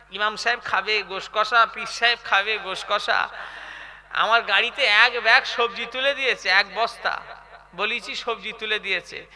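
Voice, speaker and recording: A young man preaching a sermon with a West Bengal Bengali accent, in a high, piercingly bright voice. He keeps asking the crowd to answer him. He moves from low, chatty asides into loud, chanted passages. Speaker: Islamic preacher. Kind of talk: live sermon at a religious gathering.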